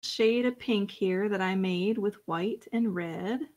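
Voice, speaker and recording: Her pitch sits in the middle and sounds slightly mellow, and she takes her time. Teaching painting on a casual live stream, this instructor keeps up a chatty flow, muttering to herself as she works.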